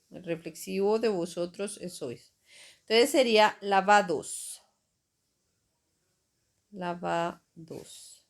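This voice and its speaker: A woman teaching a grammar lesson over slides, explaining patiently and checking in with "ok?" and "right?" after each step. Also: medium pitch. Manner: slow, patient explaining with frequent "¿ok?" and "¿cierto?" checks. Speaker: Spanish teacher.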